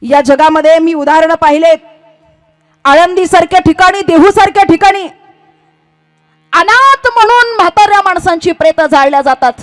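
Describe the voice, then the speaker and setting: Woman preacher, high voice, impassioned sermon storytelling, faint music behind. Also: normal speed, long pauses, no room sound. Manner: impassioned, swinging between soft and loud. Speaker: kirtan preacher.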